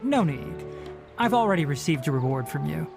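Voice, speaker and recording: A man voicing a calm, stern young male forest ranger in a game, speaking in a measured, matter-of-fact, slightly dry way. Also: on the high side, vocal fry. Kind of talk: game dialogue voice acting. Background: soft game music.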